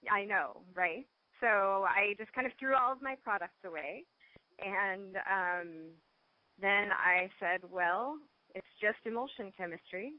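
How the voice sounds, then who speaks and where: A woman's voice: mid-range voice, measured pace, no echo. A woman guest speaking over the phone on a radio interview, chatty, laughing often and restarting her sentences. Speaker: guest cosmetics maker and scientist. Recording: dull dry phone line.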